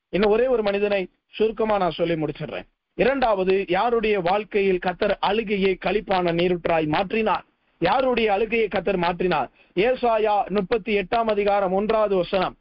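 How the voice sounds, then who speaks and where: Male preacher with a high voice, urgent exhortation, dry and slightly muffled recording. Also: dry recording. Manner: preaching with rising and dropping intensity, exhorting listeners. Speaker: pastor. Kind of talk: sermon.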